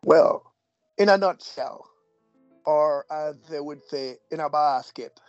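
A man from Jamaica with an announcer-like voice, telling his life story as a guest in a measured, gently humorous way. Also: on the high side, no echo, soft background music. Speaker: guest, deacon. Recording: dull, dry audio.

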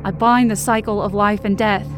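A woman narrates in the first person as a wounded, angry, defiant young woman in an audio drama, her delivery intense, emotive, urgent and anxious. She speaks at a moderate pace in a mid-range voice with fairly even intonation, near her everyday sound.

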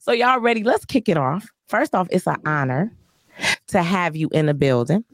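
A woman hosting a comic podcast in a studio, joking and animated, often jumping into high-pitched bits. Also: moderate pace, no room sound. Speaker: podcast host.

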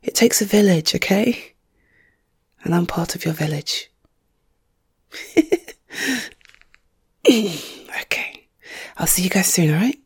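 Woman for ASMR roleplay: hushed gentle whisper, very breathy, unhurried. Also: on the low side. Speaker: ASMR creator. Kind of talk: ASMR roleplay as a visiting friend.

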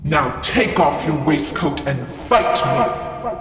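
A haughty, menacing devil in a folk tale drama, theatrical and slow, with a wildly swooping pitch. The voice rings in an echoing hall over loud music. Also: male voice, animated, slight background noise. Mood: outraged. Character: the devil, bold menacing male challenger to fights.

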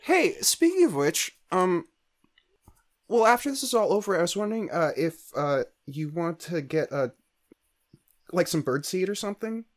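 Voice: mid-range voice, expressive, normal speed, close to an everyday voice. A player voicing a shy bird character who rambles and hesitates, full of fillers. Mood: awkward, nervous. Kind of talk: playing a character in a tabletop game.

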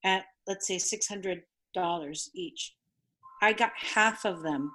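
Animated woman coach, Spanish native. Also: fairly low pitch, takes it slowly. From New York City. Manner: animated storyteller, acts out quoted voices. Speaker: business coach. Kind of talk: conversational interview.

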